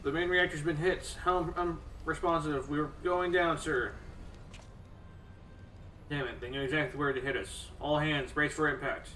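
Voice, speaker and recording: A man's voice: mid-range voice, steady tone, brisk, bright, forceful tone, a little hiss or hum, lightly acted. Stiff, formal military officer, acted by a man, roomy mic. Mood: urgent, commanding. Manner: stiff, formal, old-fashioned diction. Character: formal, grave male imperial military officer reporting under fire. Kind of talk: reading fantasy game dialogue aloud in character. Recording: roomy, distant mic over game music.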